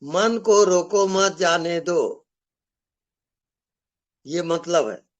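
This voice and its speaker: A spiritual teacher, a man, answers questions in a live session with a high, light voice. He speaks very slowly, in short calm instructions that he repeats.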